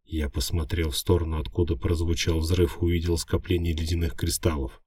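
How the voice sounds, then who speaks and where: A man reading a first-person fantasy audiobook in a measured, wry manner. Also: deep voice, flat delivery, darkish tone, slightly rough, dry recording, studio quality, recorded from a distance. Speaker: audiobook narrator.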